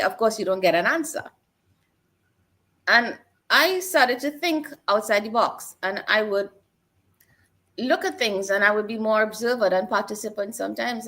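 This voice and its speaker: A middle-aged woman from Trinidad and Tobago tells her life story as an interview guest, earnest and reflective, repeating certain phrases as she goes. Her voice is on the high side, pushed and bright.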